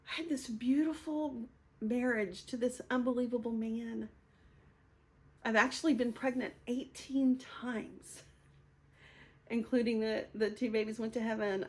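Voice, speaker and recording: A woman in her fifties, her voice a little high, shares a personal testimony candidly and with emotion, often laughing through hard memories.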